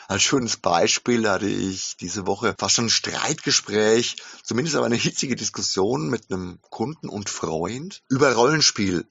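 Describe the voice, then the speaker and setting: A man's voice: medium pitch, creaky, fairly bright tone, breathy edge, lo-fi sound. A man hosting his own podcast from inside his shop, speaking thoughtfully in a casual monologue. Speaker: game shop owner and podcast host. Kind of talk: casual spoken podcast monologue with book reading.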